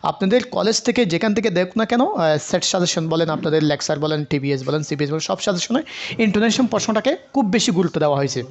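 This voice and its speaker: A man teaching an online exam-prep lecture, going through a question list, mixing Bengali and English with frequent filler pauses and repetition. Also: sits high. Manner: mixes Bengali and English, many filler pauses, repeats himself. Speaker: online English literature tutor.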